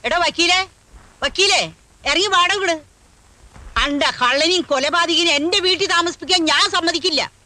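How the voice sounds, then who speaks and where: A high, bright, shrill old grandmother who scolds and orders people about. She has a quick temper and plenty of bluster. The sound is dry and close, as in an old film. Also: no echo. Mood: indignant. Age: older. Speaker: grandmother of the house. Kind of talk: 1980s film acting.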